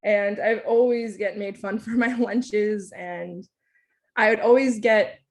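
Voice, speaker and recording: A woman in her twenties from the United States, who grew up speaking Thai, works as a staff researcher and gives a casual, candid lecture in a series, peppered with ums and likes. Her medium-pitched voice is steady and slow.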